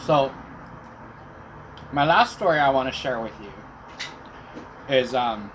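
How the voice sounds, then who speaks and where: A man's voice: medium pitch, animated, slow, a bit bright, low-quality recording. A middle-aged man telling personal stories casually to viewers, chewing while he talks. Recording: clear background noise.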